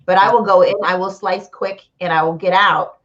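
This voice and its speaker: Woman host, lowish voice, lively chatter, muffled lo-fi sound. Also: moderate pace. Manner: animated, chatty storyteller. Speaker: podcast host. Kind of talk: casual chat. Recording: dull lo-fi audio.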